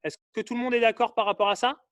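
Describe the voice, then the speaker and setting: A man leads a fitness session over a video call, firing off short drill cues and pushing his group to speed up. His voice sits very high for a man. The sound is dry and close, with no room echo. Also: steady tone, fairly bright tone. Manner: calls out drills and colors in short bursts, urging participants faster. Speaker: fitness coach. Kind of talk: live online workout class.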